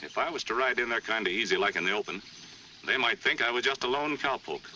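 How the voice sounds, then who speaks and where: Plain talking american cowboy, real sharp voice, 1940s western movie, slightly noisy old audio. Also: male voice, medium pitch, lively intonation, quick pace, far from the mic. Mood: cool, wary. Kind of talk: 1940s western film acting. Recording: dull old film soundtrack, faint noise.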